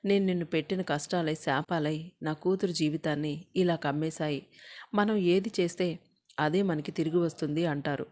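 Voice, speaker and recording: A woman's voice: low-pitched, normal speed, darkish tone, natural voice. A woman voicing a remorseful older mother-in-law who begs forgiveness through tears.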